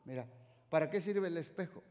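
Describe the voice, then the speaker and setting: Mexican-born preacher in a reverberant hall. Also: male voice, on the high side. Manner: swings from loud exclaiming to soft, drawn-out phrases. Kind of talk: sermon.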